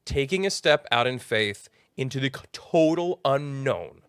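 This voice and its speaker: A man hosts a podcast interview at a medium pitch. He speaks with eager, effusive enthusiasm and animated emphasis, and his voice sounds dry and close. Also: a little slow, clear, resonant tone, no room sound. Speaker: podcast host. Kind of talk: faith-based podcast interview.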